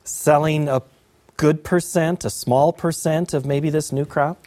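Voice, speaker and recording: A man's voice: on the high side, steady tone, measured pace, a little mellow, no room sound. A man hosting a farm market segment, asking folksy, prodding questions with a playful streak. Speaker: show host. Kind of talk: interview questions.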